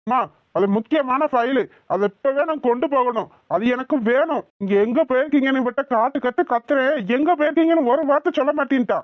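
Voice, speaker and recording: A woman voicing a short-tempered young man in a cartoon, yelling and scolding everyone around him. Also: high-pitched, fast, no room sound, close to an everyday voice. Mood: petulant. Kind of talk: cartoon voice acting. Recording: dull dry studio recording.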